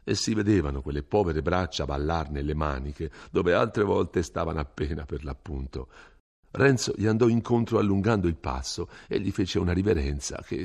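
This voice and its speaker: A man narrates a classic novel with a husky, lowish voice. His delivery is measured yet expressive, rising and falling with lively pitch. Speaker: audiobook reader. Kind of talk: scripted literary narration.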